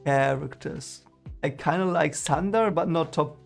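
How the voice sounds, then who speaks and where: Speaking unhurriedly with vocal fry, a man with a somewhat high voice chats casually to his live chat about the book in front of him. He streams his reading of a book series, has a German accent from his native German, and rambles with lots of fillers and restarts over soft background music.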